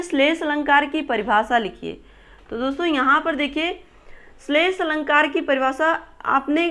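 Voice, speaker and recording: A woman teacher talks through exam questions in a recorded lesson, her voice sitting high. She explains each answer step by step, circling back to rephrase and repeat each point. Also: a bit bright.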